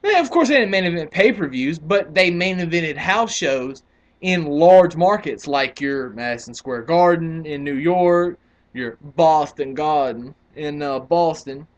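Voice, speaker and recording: A man's voice: fairly high pitch, expressive, measured pace. A man in his twenties ranting casually to camera as a wrestling vlogger, argumentative and rambling with frequent restarts. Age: 20s.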